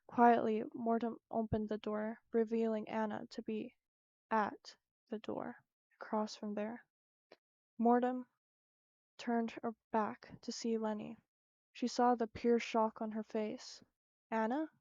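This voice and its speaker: A woman reading her own short story aloud at a steady, careful pace. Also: fairly high pitch, slow pace, dry recording, dull audio.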